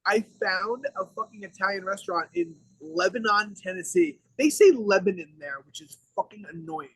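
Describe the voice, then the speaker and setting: A man's voice: high voice, animated, moderate pace, a bit bright, husky, poor audio. A young man co-hosting a podcast outdoors, brash and rambling, swearing constantly in casual chat. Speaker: podcast co-host.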